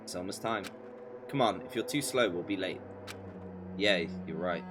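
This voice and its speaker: A male game streamer plays a visual novel live, reading the dialogue with drama and cutting in with incredulous wisecracks. His voice is low and his speed normal. Game music plays behind him, and the background is noisy.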